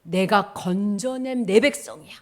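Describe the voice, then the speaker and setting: A woman's voice: medium pitch, a little slow, lightly acted. A woman voicing a stern male God who rebukes Satan, in a children's sermon. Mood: firm. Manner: thundering scolding.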